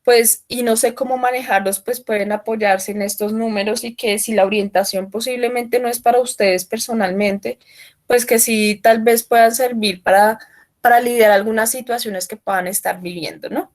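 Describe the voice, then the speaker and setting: A woman giving an online workshop, explaining loudly and often checking in with her listeners. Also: on the high side, steady tone, moderate pace. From Colombia. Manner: explanatory, asks frequent check-in questions; speaking loudly for remote listeners. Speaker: workshop trainer. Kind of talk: online training talk.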